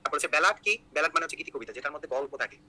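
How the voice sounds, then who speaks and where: A young man teaches an online exam-prep class at a rapid clip, joking as he goes and constantly checking that his students follow. His voice is bright and tense, a little higher than most men's, and he talks very fast. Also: lively intonation, poor audio. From Bangladesh. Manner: rapid, joking, repeats key points with "ঠিক আছে?".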